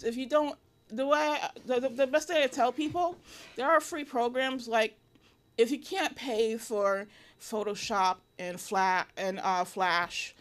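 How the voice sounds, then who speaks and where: A woman in her thirties from Connecticut, talking casually as an interview guest, with many fillers and restarts. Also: on the high side. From Connecticut, USA. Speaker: interview guest, illustrator and cartoonist.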